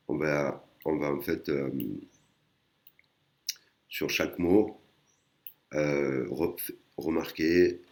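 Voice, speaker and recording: A man teaching a language lesson in a casual way, with many pauses and fillers, explaining patiently and often adding a tag word at the end of his sentences. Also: rumbling low, vocal fry, darkish tone. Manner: hesitant, many fillers and restarts. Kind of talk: casual screen-recorded lesson.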